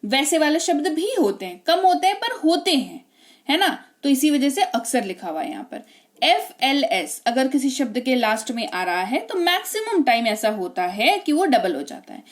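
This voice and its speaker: A woman's voice: high voice, sing-song, normal speed. An Indian-accented woman teaching English spelling rules, chatty and often checking in with tag questions. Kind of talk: spelling lesson explaining rules.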